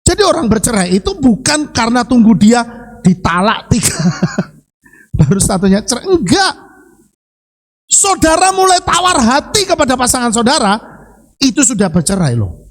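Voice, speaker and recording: A man's voice: normal speed, pauses often. Javanese-accented male pastor preaching. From Central Java, Indonesia. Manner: lively preaching with rhetorical questions and sudden drops in pitch. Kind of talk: sermon.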